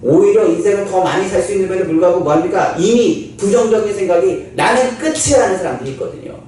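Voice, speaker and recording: A man's voice: high-pitched, fast, dark tone. A male pastor preaching a sermon, asking rhetorical questions and acting out quoted lines. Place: church sanctuary. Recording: echoey church hall, distant mic, faint noise.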